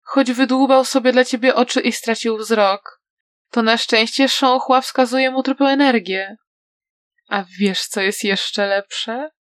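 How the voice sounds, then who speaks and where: A woman voicing a cruel, sly young villain who taunts in a soft, low voice, in a storybook reading. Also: fairly even intonation, measured pace, dry recording, studio quality, close to an everyday voice. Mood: taunting.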